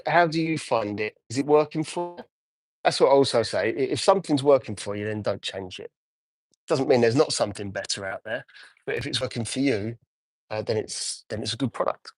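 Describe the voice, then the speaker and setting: A man talks casually through a live car-detailing stream, reading out and answering viewers as he goes. His voice sits in a plain middle pitch and sounds dry, with no room around it, though he drifts off the mic now and then as he moves around the car. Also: normal speed, no echo. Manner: chatty, answers viewer comments while washing a car. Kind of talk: casual live-stream chat while working.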